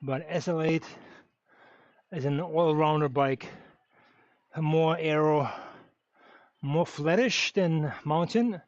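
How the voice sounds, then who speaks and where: A man's voice: on the high side, takes it slowly, long pauses, dry recording. A man from Germany, chatting casually on a live stream while riding and answering viewers' questions with many fillers. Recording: dull lo-fi stream audio.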